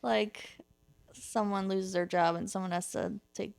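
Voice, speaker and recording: A young woman talking frankly in casual conversation, quick to sound irritated and unbothered by swearing. Her voice has a gravelly, creaky edge at a middle pitch. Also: steady tone, no echo. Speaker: podcast guest. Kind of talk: casual chat.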